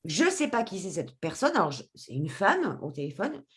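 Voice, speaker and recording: A woman's voice: medium pitch, big pitch swings, moderate pace, heavy background noise. A woman tells a personal story as a podcast guest. She talks expressively, slipping into the voices of the people in her story as she acts out their conversations.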